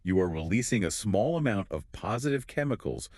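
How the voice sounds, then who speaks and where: A podcast co-host with a very deep male voice speaks confidently and walks through ideas in clear steps while co-hosting an explanatory show. His intonation is lively, rising and falling expressively, his pace is fairly quick, and his tone is a little mellow. The sound is dry and close, with no room sound around it.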